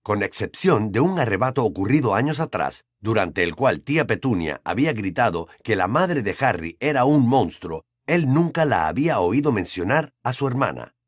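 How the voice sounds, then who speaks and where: Expressive male audiobook narrator. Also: lowish voice, moderate pace, hardly any pauses, no echo, studio quality. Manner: expressive storytelling. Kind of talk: scripted narration.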